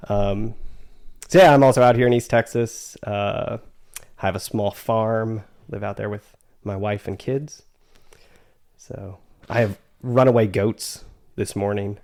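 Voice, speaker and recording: A man's voice: on the low side, steady tone, unhurried, pauses often, darkish tone. A middle-aged man, an interview guest, telling anecdotes and answering in a casual conversational style. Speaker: guest, adjunct English literature professor.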